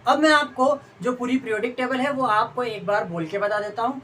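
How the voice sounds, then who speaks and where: Higher-voiced woman teacher reciting lists. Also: fairly quick. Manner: patient, recites lists in steady pairs. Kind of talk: online study lesson. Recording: distant mic, faint room noise.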